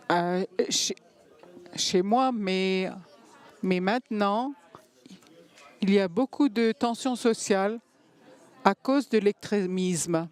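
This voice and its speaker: A woman with a mid-range, slightly mellow voice provides simultaneous interpretation of a panel talk. She halts and pauses as she searches for words.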